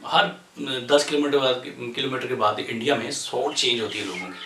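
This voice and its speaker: A man from India gives a classroom English grammar lesson, talking slowly and pausing often with fillers, with English terms worked into his speech. He is recorded from a distance, and the voice rings with the room's echo. A faint room ambience sits behind him. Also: medium pitch, bright, forceful tone, a little hiss or hum. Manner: explains slowly with many pauses and fillers, mixing English terms into Hindi. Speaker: English teacher.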